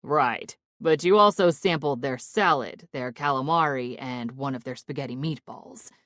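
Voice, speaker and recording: A calm middle-aged father of few words, delivering dry, deadpan jabs, as a woman narrator voices him. He stays even and unhurried, in a close, dry audiobook read. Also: medium pitch, dry recording, natural voice.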